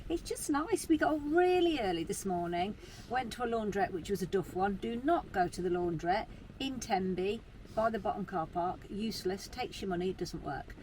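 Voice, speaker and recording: A British travel vlogger talks casually to camera, full of informal slang. Her medium-pitched voice is animated and darkish at normal speed, and the location sound is noisy with ambience.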